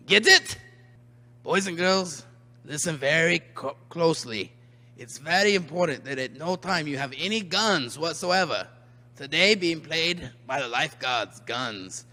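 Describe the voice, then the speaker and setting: A man's voice: on the high side, sharp tone. A man presenting to children in a comic rules announcement, mock-earnest, emphatic and repetitive. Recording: long hall reverb.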